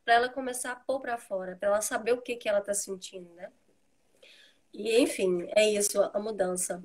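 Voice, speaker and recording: A woman's voice: mid-range voice, moderate pace. A Brazilian woman in her thirties, a mother and host, chatting casually and acting out what she says to her children. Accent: Brazilian Portuguese. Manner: animated, acts out quoted dialogue with her children. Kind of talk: casual conversation.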